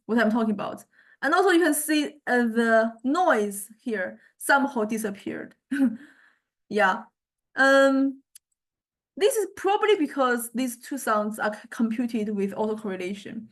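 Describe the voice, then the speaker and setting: Her voice pitched fairly high, a female music technology teacher talks through an informal software demonstration. She reasons aloud and explains hesitantly, in a halting way, for a recorded lesson.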